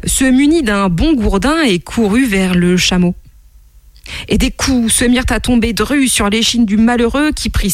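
A woman hosting a radio show, reading a fable aloud in a lively, expressive way. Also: on the high side, dry recording. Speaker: radio host and storyteller. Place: radio studio.

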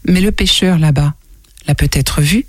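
A woman's voice: low voice, moderate pace, darkish tone, no room sound, clean studio sound. A woman voicing a kindly, helpful hippopotamus in a children's storybook.

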